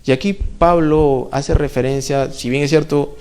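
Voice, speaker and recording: A man's voice: on the high side, steady tone, measured pace, darkish tone, smooth. A man preaching a sermon in a church, conversational, full of rhetorical questions and playful asides.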